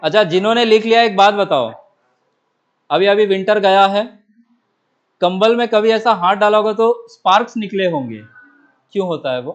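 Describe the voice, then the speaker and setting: High-voiced man teaching a physics class. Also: lively intonation, normal speed, long pauses, highs cut off. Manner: asks students questions and answers them himself; coaxing, repeatedly checks understanding. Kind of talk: classroom lecture.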